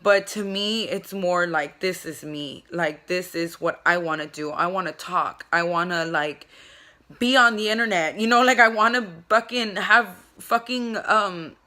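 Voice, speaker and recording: A young woman talks straight into her phone from bed, her voice bright and forceful in a lowish register. She rambles casually, swearing freely and peppering everything with "like". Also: measured pace. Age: young adult. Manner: rambling, profane, filler-heavy with constant "like". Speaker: vlogger. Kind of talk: casual confessional chat. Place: in bed at home. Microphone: phone camera.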